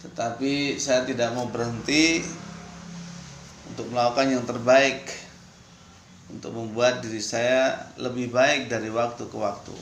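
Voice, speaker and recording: A man teaching an English lesson, slow and patient, repeating each sentence for learners. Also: medium pitch, fairly even intonation, slight background noise. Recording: echoey room, faint ambience.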